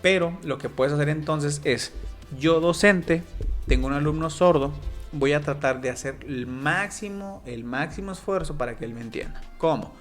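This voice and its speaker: A man's voice: on the high side, moderate pace, faint music behind. A man with a Mexican Spanish accent, a sign language interpreter guest, explaining patiently with examples in casual interview talk.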